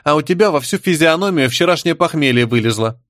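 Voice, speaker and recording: A man's voice: on the high side, expressive, fast, fairly bright tone, dry recording, studio quality, pitched above the performer's own voice. A man voicing a cheeky, giggling young goblin woman in an audiobook. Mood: mocking.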